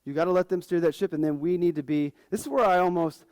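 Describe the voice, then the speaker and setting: A man's voice: high-pitched, fast, darkish tone, no room sound. A man in his forties, a financial advisor, giving a casual, frank conference talk to fellow advisors.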